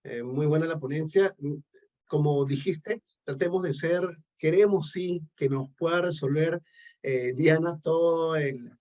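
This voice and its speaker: Male webinar moderator, fairly high voice, halting delivery, lo-fi sound. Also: a little mellow. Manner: hesitant, many fillers. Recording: muffled lo-fi audio.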